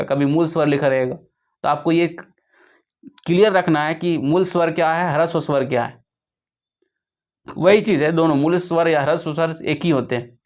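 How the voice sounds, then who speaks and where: Repetitive, slow-explaining man teaching a lesson. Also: a little high. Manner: explains slowly with many repetitions and self-corrections.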